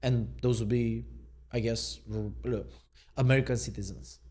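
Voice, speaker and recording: A man's voice: mid-range voice, fairly even intonation, normal speed, a little mellow. A man, a mindset coach, thinking aloud in an unscripted reaction video, laid-back and questioning as he goes. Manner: musing, thinks aloud and questions what he reads.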